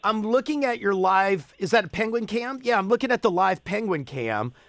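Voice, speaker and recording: A man hosting a casual call-in chat, asking questions in an excitable, teasing way. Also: high voice, normal speed, vocal fry, no room sound. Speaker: talk show host.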